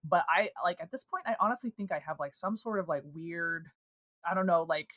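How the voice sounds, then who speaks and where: Casting: brisk, sharp-toned woman co-host, rambly and profane. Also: on the low side, no echo. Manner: rambling, heavy swearing, trailing off. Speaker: podcast co-host. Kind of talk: casual chat.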